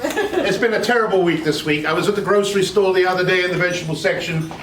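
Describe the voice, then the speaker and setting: A man's voice: sits high, fast, a bit bright, slight background noise. A man giving a humorous speech to a club audience, joking and talking directly to the crowd. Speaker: guest speaker at a speaking club. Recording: echoey room, voice far from mic.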